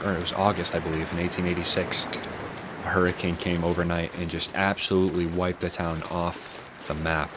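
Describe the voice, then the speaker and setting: A man with a low, just-woken morning voice narrates a video game playthrough. He is calm and unhurried, musing aloud as he goes. Clear ambient noise runs behind him. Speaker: gaming channel host.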